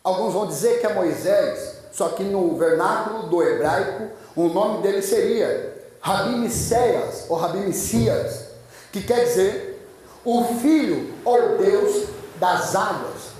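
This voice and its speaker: Man, pastor, fervent emphatic sermon, high voice, heavy church echo. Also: slow, darkish tone. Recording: echoey church, far from mic.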